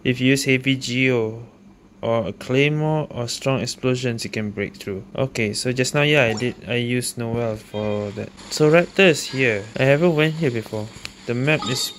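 A woman's voice: rumbling low, normal speed, a little hiss or hum. A woman giving casual let's play commentary, often tagging remarks with a questioning eh. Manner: ends remarks with "eh". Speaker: gamer playing and commenting.

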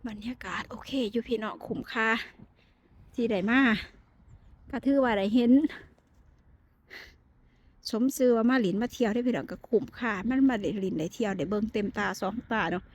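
A woman's voice: a little high, normal speed, long pauses, slight background noise. A woman with an Isan Lao accent vlogging a castle visit outdoors, chatting to her viewers in a friendly way. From Laos or northeast Thailand. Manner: chatty, addresses viewers as brothers and sisters. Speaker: travel vlogger. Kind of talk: casual travel vlog narration. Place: outdoors on a castle wall in the rain.

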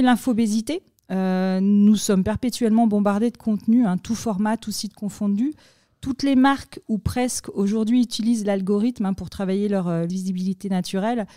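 A woman explaining content marketing on a podcast in a measured way, with many fillers. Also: medium pitch, dark tone, no echo, clean studio sound.

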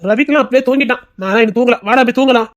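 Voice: mid-range voice, very fast, dull audio, voice pushed down, close to an everyday voice. A woman putting on a drowsy young guy.

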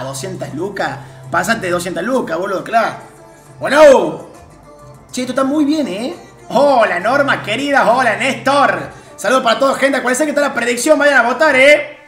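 High-voiced excitable Argentine streamer man. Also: roomy sound. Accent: Argentine Spanish. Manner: excitable, loud outbursts and shouting, heavy slang and swearing. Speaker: slots streamer. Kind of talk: live gambling stream chat.

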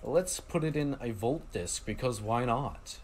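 Excitable man with a lively pitch. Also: measured pace, a little hiss or hum. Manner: excitable, exclaims loudly at game events. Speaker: gaming channel host. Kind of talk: casual gameplay commentary.

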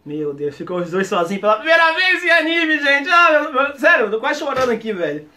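Brazilian male reactor, high and lively, slangy and excitable, laughs a lot. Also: fairly quick. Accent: Brazilian Portuguese. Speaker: anime reaction YouTuber. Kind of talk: casual reaction commentary.

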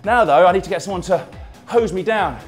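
A man's voice: high-pitched, brisk, soft background music. Breathless man after a hard ride. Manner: breathless, jokey. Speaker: show presenter riding on camera.

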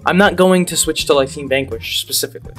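A young man giving gameplay commentary as a channel host, ranting in exasperation and bursting into loud disbelief. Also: fairly high pitch, fast, soft background music.

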